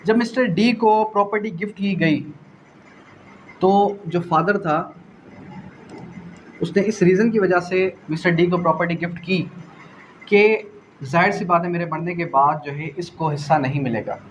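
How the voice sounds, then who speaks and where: Speaking in a high voice at ordinary speed, a Pakistani-accented man pauses often as he explains the law like a teacher. Rhetorical questions, repeated phrases and English legal vocabulary run through his lecture. Faint background noise sits under the dull, lo-fi recording.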